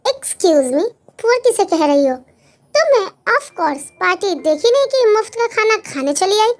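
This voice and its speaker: Woman doing a sassy young wife, very high voice, boastful, fan dub. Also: big pitch swings, moderate pace, soft background music. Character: young wife, proud and sharp-tongued. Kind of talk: Hindi fan dub acting.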